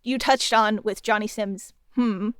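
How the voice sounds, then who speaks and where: A woman with a medium-pitched, steady, smooth voice speaks at a measured pace, recorded clean in a studio with no room sound. She's a sound designer chatting informally on a podcast, trading questions and answers in a casual behind-the-scenes roundtable.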